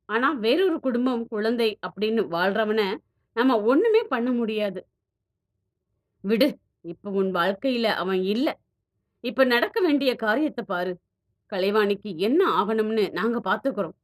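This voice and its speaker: A woman's voice: a little high, lively intonation, measured pace. A woman voicing an anxious, protective middle-aged aunt who pleads and frets in an audio story. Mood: pleading. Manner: pleading, fretful.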